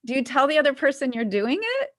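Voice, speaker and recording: A woman's voice: sits high, quick pace. A woman hosting a podcast, talking in a reflective, thinking-aloud way. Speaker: podcast host. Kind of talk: casual chat.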